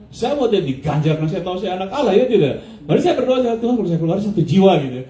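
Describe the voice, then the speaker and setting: A man's voice: high voice, sing-song, very fast, warm tone, reverberant. A male pastor preaching a sermon, questioning his congregation, laughing often and dropping English words into his speech. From United States.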